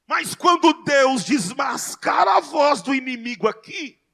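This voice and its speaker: High, bright-voiced shouting Brazilian preacher. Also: male voice, animated, a little slow, vocal fry, soft background music. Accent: Brazilian Portuguese. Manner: storytelling that builds to shouted proclamations; speaks in tongues. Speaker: pastor. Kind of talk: Pentecostal preaching.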